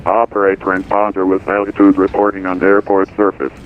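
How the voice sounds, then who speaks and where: Low male airport weather broadcast voice. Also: brisk. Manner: formal, even recitation of codes and numbers. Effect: airport weather broadcast over radio. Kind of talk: recorded automated information broadcast. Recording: tinny radio-band audio.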